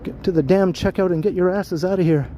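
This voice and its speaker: A fed-up store clerk reads a supermarket closing announcement, as a man puts him on in a raised voice. The message starts in polite, official phrasing and then turns insulting toward the customers. Under the raised pitch the tone stays dark and mellow. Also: brisk, a little hiss or hum, lightly acted. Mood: mock-official, rude. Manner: mock loudspeaker store announcement, turning insulting. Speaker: vlogger. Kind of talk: casual vlog while out running.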